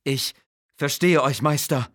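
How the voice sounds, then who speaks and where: A man's voice: sits high, a little slow, a bit bright, voice pushed up. A man voicing a servile, frightened vizier in an audiobook, speaking hastily and fawningly in a raised voice. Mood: fearful, fawning. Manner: hasty, fawning and fearful. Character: fearful, servile male vizier.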